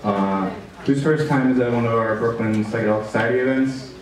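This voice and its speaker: A man with a mid-range voice hosts and moderates a live event, speaking briskly as faint music plays behind him. He is chatty and upbeat, uses many fillers, and introduces the speakers to the audience. The audio comes from an echoey room, far from the mic, with audible noise.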